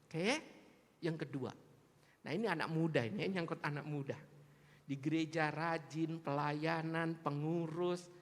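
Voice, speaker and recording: A man's voice: on the high side, measured pace. A man with an East Javanese accent preaching a sermon, telling stories animatedly and speaking straight to the congregation. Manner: animated, mixes local slang, addresses congregation. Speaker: pastor. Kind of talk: storytelling sermon. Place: church sanctuary. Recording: long church-hall reverb.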